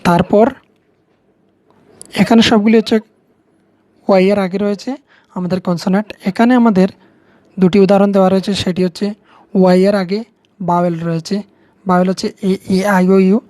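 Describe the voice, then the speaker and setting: A woman's voice: mid-range voice, fairly even intonation, fairly quick, long pauses, warm tone, no room sound. A woman with a Bengali accent, patiently explaining English grammar to students step by step, repeating key words. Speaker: teacher.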